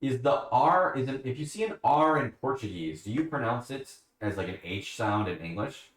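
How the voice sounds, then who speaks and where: A man's voice: medium pitch, lively intonation, moderate pace, recorded from a distance. A man chatting casually on a live stream, answering questions from his chat. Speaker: livestreamer. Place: at home, bathroom with a bathtub. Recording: echoey room, away from the mic.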